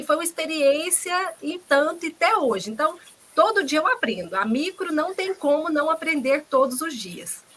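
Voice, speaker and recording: A Brazilian Portuguese-accented woman speaks as a guest, her voice high and bright with a sharp edge. She talks earnestly and restarts her phrases often. A faint hiss sits behind her. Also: low-quality recording. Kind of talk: conversational talk about her career.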